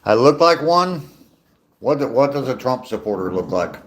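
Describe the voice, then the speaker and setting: Slight background noise accompanies this very animated, mid-range voice moving at a moderate pace. The speaker, a man in his sixties, is on a walk, live-streaming from his phone, reading out viewer comments and answering them chattily with a dry sense of humor.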